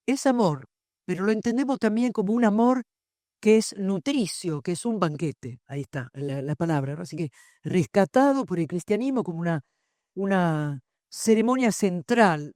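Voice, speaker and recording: A woman's voice: mid-range voice, expressive, moderate pace, a little mellow, dry recording, studio quality. An older woman with an Argentine accent presenting a book, reflective and digressive, telling anecdotes. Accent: Argentine Spanish. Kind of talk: public book presentation talk. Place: university lecture room.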